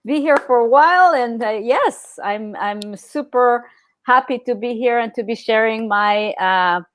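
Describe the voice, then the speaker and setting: A woman's voice: a little high, measured pace, slight background noise. A middle-aged woman from El Salvador, a guest speaking casually in an interview, with many fillers and restarts.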